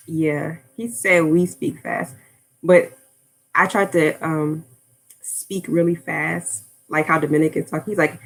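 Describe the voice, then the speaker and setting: An American woman who runs a language-learning YouTube channel chats casually on a livestream, rambling off topic with lots of fillers. Her voice is lowish and creaky, and the audio is poor.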